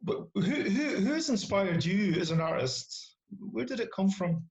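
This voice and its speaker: A man with a Scottish accent hosting an interview over a video call, friendly and halting, with many restarts. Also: sits high, animated, gravelly. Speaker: show host. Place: small room at home, indoors. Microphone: webcam on video call. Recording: roomy, dull webcam audio.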